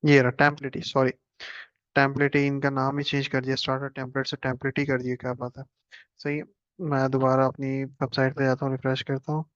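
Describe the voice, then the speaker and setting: A man's voice: medium pitch, flat delivery, fast talker, clear, resonant tone, no room sound, muffled recording. A man teaching a casual screen-share computer lesson, chatting and joking as he clicks through steps. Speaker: instructor.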